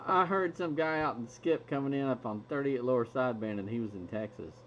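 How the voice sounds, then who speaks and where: A man's voice: mid-range voice, quick pace. Chatty radio hobby guy hosting a stream, laughs a lot, kinda muffled sound. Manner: chatty, laughs often between stories. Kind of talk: casual chat. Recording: muffled lo-fi recording, faint hiss.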